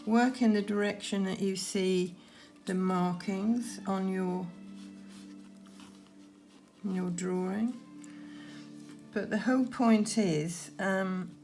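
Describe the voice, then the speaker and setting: Slow, gentle woman painting instructor, creaky voice. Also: medium pitch, faint music behind. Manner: gentle, unhurried instruction with trailing pauses. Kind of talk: unscripted painting demonstration, talking while working.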